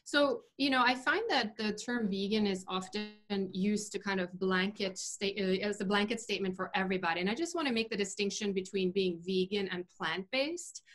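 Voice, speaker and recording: A woman's voice: mid-range voice, normal speed, hardly any pauses, a bit bright, faint music behind. Lady in her 40s, chatty guest on a video call, lots of ums and restarts. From Norway. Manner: thoughtful, many fillers and restarts. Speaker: guest, vegan chef. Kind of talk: casual interview talk. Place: home room indoors.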